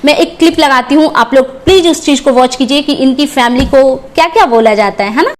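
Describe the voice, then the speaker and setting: High-pitched young woman, from Bihar, roast reaction vlog, mocking and scolding. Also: a little fast. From Bihar, India. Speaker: reaction channel creator.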